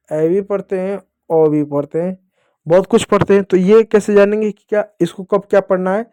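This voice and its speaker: High-voiced man teaching phonics. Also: dark tone, no room sound, studio quality. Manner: patient, repeats questions and answers them himself. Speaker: English teacher. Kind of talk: classroom-style phonics lesson.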